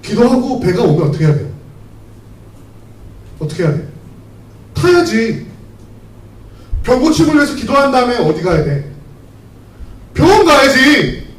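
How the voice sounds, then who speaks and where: A man preaches to a youth group in a high, animated voice, asking many rhetorical questions. He speaks conversationally and tells stories as he goes. The church hall is roomy, and the mic is some distance from him. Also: moderate pace, pauses often. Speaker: pastor. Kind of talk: youth sermon with storytelling.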